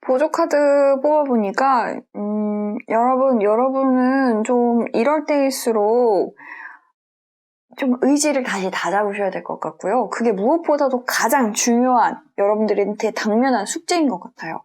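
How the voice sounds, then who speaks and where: A young adult woman giving a general tarot reading, speaking gently and reassuringly straight to her viewers. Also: on the high side, normal speed. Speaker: tarot reader.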